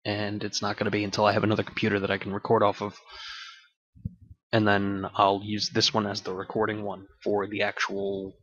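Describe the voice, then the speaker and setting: A man's voice: fairly low pitch, monotone, brisk, fairly bright tone. A man hosting a gaming channel, talking casually over gameplay in a rambling, offhand way with casual swearing, on a desk mic that picks up the game audio. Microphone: desk microphone with game audio bleeding in. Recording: dull, dry home recording.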